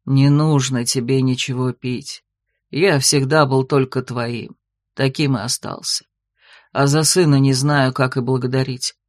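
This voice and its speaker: Devoted old werewolf man, woman reading, soft low slow voice, dry sound. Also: steady tone, no room sound. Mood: gentle. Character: grey-haired male werewolf, gentle and devoted.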